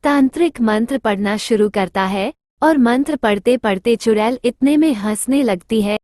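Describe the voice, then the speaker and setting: A woman's voice: fairly high pitch, moderate pace, dark tone, no room sound, studio quality. A woman narrating a cartoon story in plain scripted storytelling.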